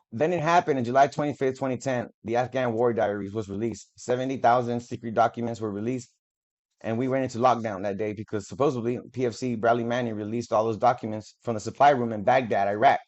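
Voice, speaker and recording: A man's voice: mid-range voice, a little mellow. A man reading official documents aloud to the camera, stumbling over words and breaking off for casual, profane asides. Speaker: video creator. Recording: dull lo-fi audio.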